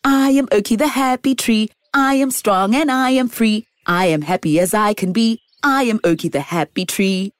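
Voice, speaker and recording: A woman's voice: mid-range voice, wildly swooping pitch, a little slow, slightly rough, no echo, clean studio sound, exaggerated voice. A woman voicing a cheerful, contented male oak tree in a storybook, sing-song and upbeat.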